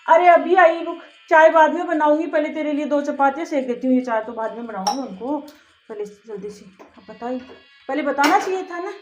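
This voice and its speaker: A woman playing a put-upon elder daughter-in-law in a home family skit, hurried and apologetic. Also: sits high, expressive. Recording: echoey room, distant mic, faint music.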